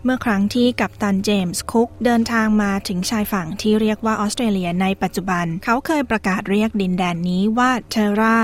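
A woman's voice: medium pitch, brisk, few pauses, faint music behind. A woman narrating a scripted news feature as a radio presenter, formal and carefully enunciated.

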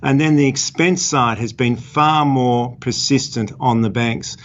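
A man explaining markets as an interviewed fund manager, measured and halting with repeated words, on lo-fi audio. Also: mid-range voice.

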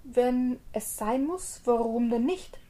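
A woman's voice: fairly high pitch, slow, warm tone, pitched above the performer's own voice. A cheeky little tailor, voiced by a woman, brags about his feats in a raised, boastful voice. He is cunning. The reading has a storybook feel. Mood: timid.

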